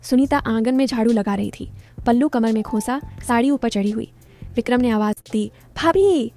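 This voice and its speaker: A woman narrating a scripted story in a steady, descriptive way. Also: on the high side, brisk.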